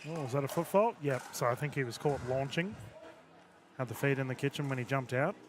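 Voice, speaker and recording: A man's voice: mid-range voice, a little hiss or hum. Man calling live play. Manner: brisk, calls the play with short bursts. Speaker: commentator. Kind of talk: live sports commentary.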